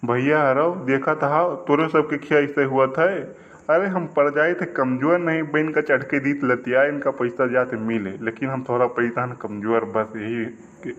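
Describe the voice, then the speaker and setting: A man's voice: mid-range voice, normal speed. Wheedling man, comedy. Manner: pleading, wheedling, excitable. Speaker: comic village election candidate. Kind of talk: village comedy sketch. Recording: lo-fi recording.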